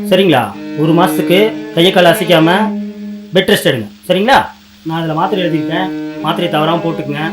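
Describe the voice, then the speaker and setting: An actor in a short film playing a calm male doctor who gently reassures patients and keeps checking they understand. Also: a little high, fairly quick, pauses often, lightly acted. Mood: reassuring. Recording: film audio with loud music.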